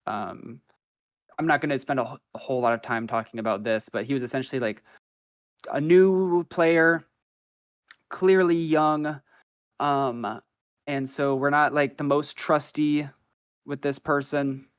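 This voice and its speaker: A man chatting as a guest on a podcast, telling stories in a loose, rambling way. He keeps stacking up fillers and slang as he goes. The pitch sits in an ordinary middle range. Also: fairly even intonation, a little slow, long pauses, clean tone. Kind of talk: casual storytelling chat.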